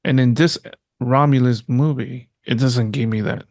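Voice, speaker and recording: A man in casual chat about movies, speaking slowly and hunting for the right words. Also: medium pitch, fairly even intonation, darkish tone, dry recording. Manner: slow and searching, hunts for words.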